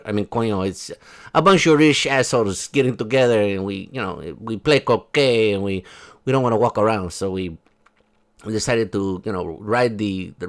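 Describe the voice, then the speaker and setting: A man's voice: lowish voice, pitched below the performer's own voice, close to an everyday voice. A man voicing a crude, rambling male polo player, who swears and mocks rich players. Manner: coarse, rambling, keeps swearing. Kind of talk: comic sketch in a vlog.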